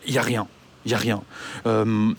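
A man's voice: lowish voice, little pitch movement, measured pace, creaky, a little hiss or hum. A man ranting casually to his audience, blunt and full of swearing and hesitant fillers. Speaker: online business commentator. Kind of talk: casual rant to camera.

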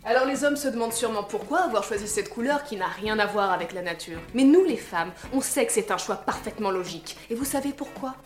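A high-voiced woman narrates with dry sarcasm and crude jokes, full of mock enthusiasm. Her voice sounds roomy, with clear music running underneath. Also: animated, quick pace, hardly any pauses. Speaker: comedy video host.

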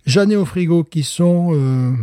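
A man's voice: fairly high pitch, measured pace, dark tone, smooth, no echo, studio quality. A man co-hosting a beer tasting show in casual chat, rambling with fillers and restarts. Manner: rambling, many fillers and restarts, chuckles often.

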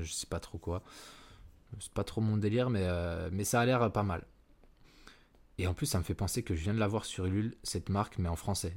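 A man's voice: low voice, a little mellow. A man hosting a casual solo podcast, rambling with many fillers and self-corrections. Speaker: podcast host. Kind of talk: casual solo marketing talk. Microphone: podcast mic.

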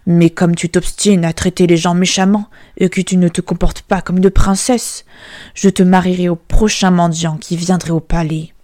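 A woman voicing a stern old king in a storybook reading, with a lowered, firm delivery. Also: little pitch movement, normal speed, mellow, dry recording, studio quality, lightly acted.

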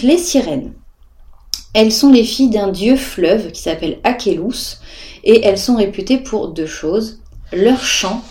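A woman's voice: medium pitch, a little mellow. A woman hosting a casual educational podcast from home, chatting informally to the listener with plenty of filler words. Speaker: podcast host. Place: at home, dog lying beside her.

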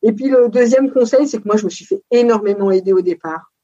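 Forties female founder, husky, thoughtful and halting, interview guest on a dull lo-fi recording. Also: medium pitch, dark tone. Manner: thoughtful, hesitant with many fillers. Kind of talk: casual interview conversation. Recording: dull lo-fi sound.

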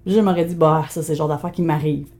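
A woman's voice: deep voice, fairly even intonation, fast, dark tone. A woman with a Quebec French accent co-hosting a podcast in casual conversation, hesitating and repeating words as she searches for them. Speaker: podcast co-host.

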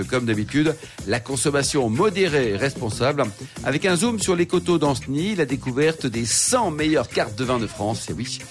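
Cheerful guy hosting a radio wine show, voice jumping all over, bit of music behind. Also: medium pitch. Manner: jovial, teasing, lively. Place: wine shop with a live audience.

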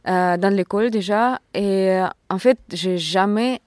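A woman with a foreign Russian accent in French speaks casually as an interview guest, haltingly searching for words in a language not her own. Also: medium pitch, darkish tone, dry recording. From Siberia, Russia. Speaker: interview guest, jazz saxophonist.

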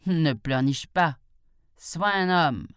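A woman's voice: low voice, slow, clean tone, no echo, studio quality. A woman voicing a talking pipal tree that coldly scolds a man for complaining. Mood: scolding. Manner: cold, scolding.

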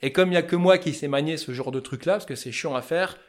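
A man with a Vosges accent, a fly-tying business owner talking loudly and passionately as an interview guest. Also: fairly high pitch, quick pace. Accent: Vosges French. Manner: loud, passionate, talkative. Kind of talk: casual interview chat.

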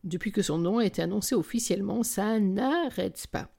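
A woman's voice: mid-range voice, fairly quick, creaky, a little mellow. A woman reading a romance novel in the first person, with wry, intimate storytelling that sometimes drops to a whisper. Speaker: audiobook narrator.

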